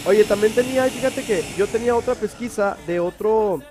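A man hosts a live morning show in a high, bright-toned voice. He chats loosely and affectionately while reading viewer messages. Faint music plays underneath. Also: fairly quick. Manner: chatty, affectionate, reads viewer messages aloud. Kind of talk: casual live TV chat.

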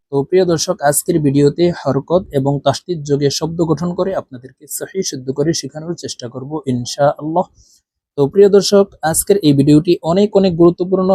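A man teaching Quran reading, spelling out letters and vowels slowly so learners can repeat after him. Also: on the high side, mellow, breathy edge, dry recording. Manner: slow, drawn-out spelling of each letter and vowel. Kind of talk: spelling-out recitation lesson.

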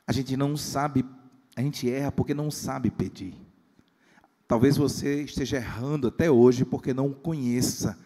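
A man's voice: medium pitch, steady tone, normal speed, warm tone. A pastor, preaching a humorous sermon in a church and acting out the people in his stories. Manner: storytelling, acts out quoted voices. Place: church sanctuary. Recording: long church hall reverb.

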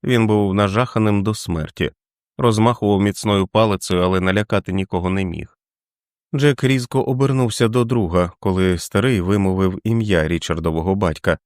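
A man reading a novel aloud as an audiobook, in a steady, measured way. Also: deep voice, no echo, clean studio sound. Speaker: audiobook reader. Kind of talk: scripted narration.

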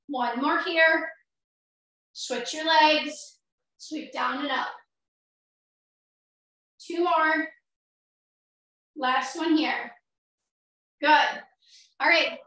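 A middle-aged woman works as an aerobics instructor, giving energetic cues and counts as she exercises along. Her voice is high and bright, with unhurried, spaced-out phrasing. She is teaching a workout from a small room. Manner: energetic aerobics-instructor cueing, exerting while demonstrating. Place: small indoor home gym. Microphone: far camera a few metres away. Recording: roomy echo, distant microphone.

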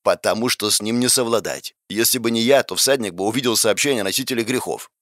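A man voicing a lazy, unbothered spirit of sloth with a flat, low-key delivery in an audiobook. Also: fast talker, no echo, clean studio sound, lightly acted. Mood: indifferent.

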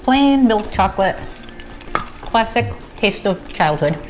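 A woman's voice: medium pitch, animated, slow pace, soft background music. Woman talking with a mouth full of candy. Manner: candid, plain-spoken tasting remarks. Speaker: co-host of a taste test. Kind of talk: casual chat.

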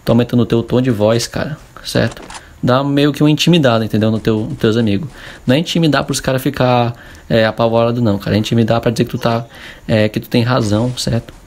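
A man's voice: medium pitch, fairly even intonation, quick pace, a little mellow. A young Brazilian man coaching gamers in a casual advice vlog, chatty and full of tag questions. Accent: Brazilian Portuguese. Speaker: gaming coach.

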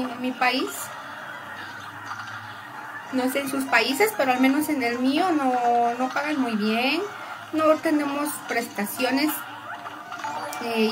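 A young woman chatting casually on a live stream, upbeat and greeting and thanking viewers by name. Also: high voice. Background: music.

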